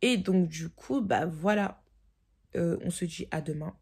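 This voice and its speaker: A young woman chats casually into her phone, rambling through fillers and half-finished thoughts. Her voice sits a little low, husky and mellow. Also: a little slow. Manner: chatty, rambling, heavy filler words. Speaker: vlogger. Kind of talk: casual chat to camera. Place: at home, late at night. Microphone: phone camera.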